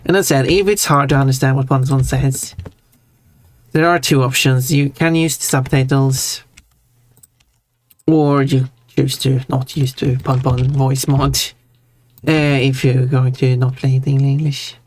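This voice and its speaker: A streamer with a Swedish accent, chatting casually on a live stream in a rambling, halting way with frequent giggles. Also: medium pitch, fairly even intonation.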